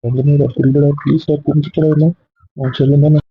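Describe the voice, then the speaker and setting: A young man playing an insecure young boyfriend who coaxes and pleads with a husky voice, in a web drama. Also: fairly high pitch, level tone, fast, no echo. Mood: pleading. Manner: coaxing, pleading. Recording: dry, phone-like thin recording.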